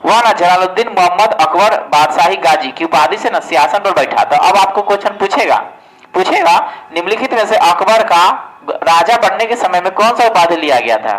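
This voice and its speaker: A man's voice: high-pitched, expressive, brisk, fairly bright tone, rough recording. A man giving a casual exam-prep history lesson, asking questions and answering them himself. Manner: asks questions and answers them himself, often says "ठीक है". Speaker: exam coaching teacher.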